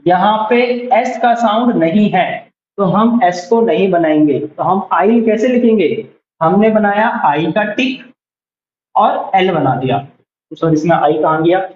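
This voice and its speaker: High-voiced man teaching shorthand. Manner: patient, repeats words slowly, asks class for doubts. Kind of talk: classroom lesson. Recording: roomy, dull lo-fi sound.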